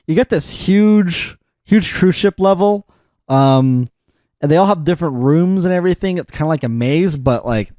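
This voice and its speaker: A man's voice: on the high side, mellow, no room sound, studio quality. A man co-hosting a podcast in casual chat, rambling with lots of fillers and restarts. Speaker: podcast co-host.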